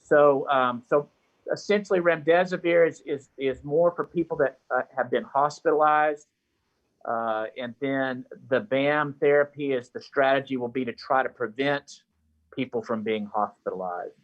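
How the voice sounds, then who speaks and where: A man's voice: medium pitch, moderate pace. Male doctor explaining, muffled audio. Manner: explanatory, repeats words. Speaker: doctor at a press briefing. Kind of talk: explaining medical treatment. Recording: dull lo-fi audio.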